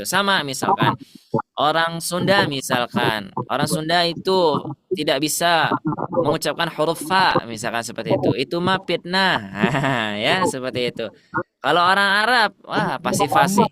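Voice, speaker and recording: A man's voice: on the high side, expressive, normal speed, bright, forceful tone. A man teaching Quran recitation to a class, asking questions and repeating the answers.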